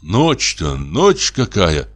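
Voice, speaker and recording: A man's voice: low-pitched, wildly swooping pitch, drawn-out words, a bit bright, soft background music, heavily acted. A man reading an audiobook, voicing a bold, impatient hunter who speaks in urgent commands.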